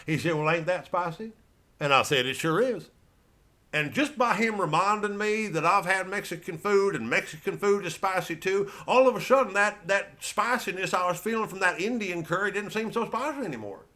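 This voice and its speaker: With a high, pushed, bright voice at a moderate pace, this American man performs stand-up. He's a rambling storyteller whose folksy, colloquial delivery wanders all over.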